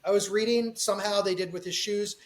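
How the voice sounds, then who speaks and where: High-voiced man recalling pop culture. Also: fairly even intonation, brisk. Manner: enthusiastic pop-culture recollection. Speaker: podcast co-host. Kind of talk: casual chat.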